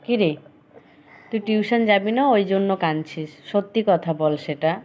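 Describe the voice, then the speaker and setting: A woman at home gently questioning and scolding her crying child in a casual home video. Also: mid-range voice, moderate pace. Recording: dull lo-fi sound over loud child crying. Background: loud crying child.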